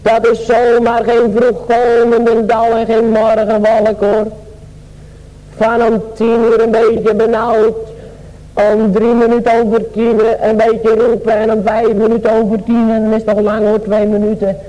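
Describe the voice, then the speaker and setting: A man's voice: high voice, completely flat delivery, a little slow, mellow, long reverb tail, muffled recording. A man preaching a sermon in a chanting, sing-song cadence, pleading with his listeners as beloved.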